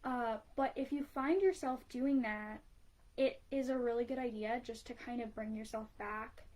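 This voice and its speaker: A woman leading a grounding exercise in a calm, gentle, informal way, prompting conversationally without hurry. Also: on the high side, moderate pace.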